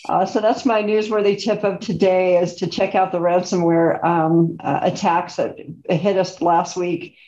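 A woman's voice: lowish voice, fairly even intonation, measured pace, hardly any pauses, mellow. Chatty woman co-host in a roomy, dull recording. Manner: chatty, laughs mid-sentence. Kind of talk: casual panel chat.

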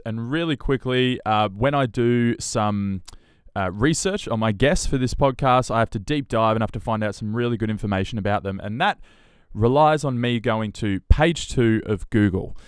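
Smooth-voiced male podcast host. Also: fairly low pitch, normal speed, few pauses, dry recording, clean studio sound. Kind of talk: podcast interview.

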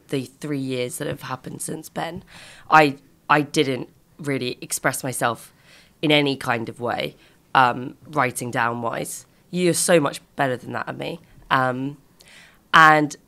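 Croaky, low-voiced young British woman. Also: fairly bright tone. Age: 20s. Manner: candid, halting, frequent swearing. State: lingering croakiness after a virus. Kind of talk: casual intimate chat.

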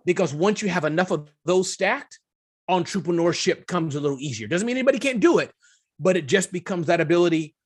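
A man chatting as a guest entrepreneur on a podcast, animated and self-deprecating, often restarting his sentences. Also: high voice, a little fast, husky. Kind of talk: casual podcast interview.

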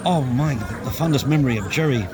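A man's voice: mid-range voice, lively intonation, quick pace, background noise. A man with a west of Ireland accent reminiscing casually in a tribute, rambling and repeating phrases for emphasis. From Galway, west of Ireland. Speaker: interviewee, local musician.

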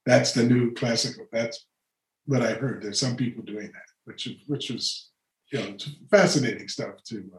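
A man's voice: medium pitch, normal speed. An older man spins long, meandering stories about his past, breaking off to chuckle and starting sentences over. His voice sits in the middle range for a man. The sound carries a noticeable echo, as if he is in a bare room. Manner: rambling anecdotes with frequent laughter and restarts. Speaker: guest, retired orchestral horn player. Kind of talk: relaxed storytelling conversation.

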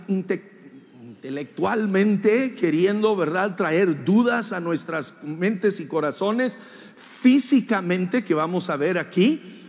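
A man preaching a sermon as pastor, animated and emphatic, sometimes mimicking whiny voices and shouting for emphasis. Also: high-pitched. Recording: long hall reverb.

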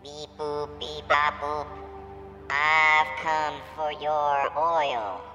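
A man voicing a silly male robot through a robot voice filter, talking in a slow beeping monotone. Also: fairly high pitch, long reverb tail, faint music behind, exaggerated voice. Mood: mock menacing.

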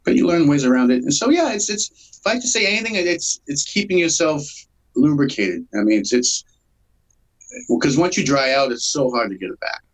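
A low-quality recording captures a man in his forties with a slightly high, lively voice talking a little fast. A solo acoustic musician with a touch of cold congestion, he laughs often and leans on fillers in this relaxed interview.

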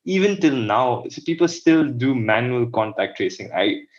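The recording is muffled, but this young adult podcast guest from the Philippines comes across as animated, with a medium pitch and moderate pace. His casual interview talk rambles, full of restarts and "like" fillers.

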